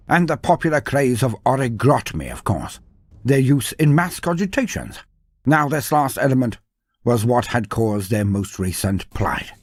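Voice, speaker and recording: A man with a medium-pitched, husky, slightly mellow voice serves as storyteller for dramatic fantasy war lore. The scripted narration is grand and wry, dressed in ornate, old-fashioned language.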